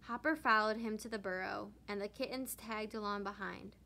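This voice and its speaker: A woman teacher reading a children's picture book aloud with expressive narration. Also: mid-range voice, moderate pace, vocal fry. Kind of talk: storybook read-aloud.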